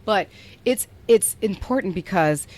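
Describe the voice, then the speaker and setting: A woman's voice: medium pitch, lively intonation, a little slow, a little mellow. A young adult woman hosting a podcast, chatting playfully and filling her talk with "like" as she tells a story. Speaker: podcast host. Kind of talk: casual chat, storytelling.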